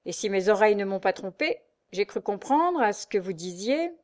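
A woman voicing a calm, polite young male nobleman who answers evenly and courteously in a read-aloud story. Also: mid-range voice, normal speed, natural voice. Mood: composed.

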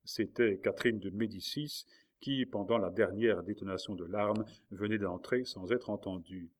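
A man narrating a historical novel in a measured, dramatic reading. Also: on the low side. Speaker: audiobook reader.

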